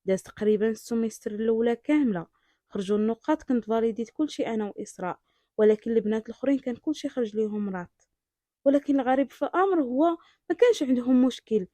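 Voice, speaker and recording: A woman's voice: on the high side, animated, rapid-fire, mellow, no echo. A young Moroccan woman with a Darija accent, telling a true story in the first person in a confiding way. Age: young adult.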